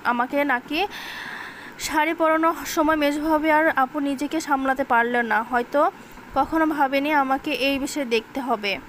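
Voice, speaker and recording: A woman's voice: sits high, moderate pace, fairly bright tone, slight background noise. A woman narrating a grief-stricken short story in an emotional audiobook reading, giving voice to the wailing characters as well.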